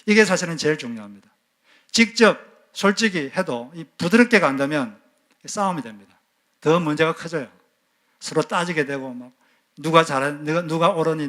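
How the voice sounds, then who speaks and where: A man's voice: fairly high pitch, a bit bright. A man who is a pastor, preaching a sermon, asking the congregation questions and acting out quoted lines. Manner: asks the congregation questions and acts out quoted scolding.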